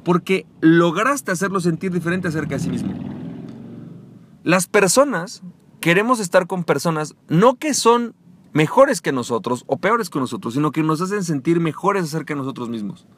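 A man hosting a podcast, coaching listeners on sales and acting out short dialogues in a calmer, lower voice. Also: normal speed. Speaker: podcast host. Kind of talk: motivational sales talk.

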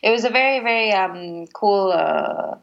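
Being interviewed conversationally, a musician in her thirties who used to teach responds haltingly, frequently starting her sentences over. She speaks at a measured pace in a gravelly, mid-range voice, captured in dull lo-fi audio with a faint noise floor.

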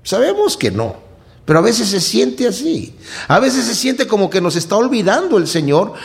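A male preacher with a raised, gravelly voice, delivering a sermon. he talks in an animated way, firing off rhetorical questions and acting out the quotes he reads. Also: sits high, normal speed.

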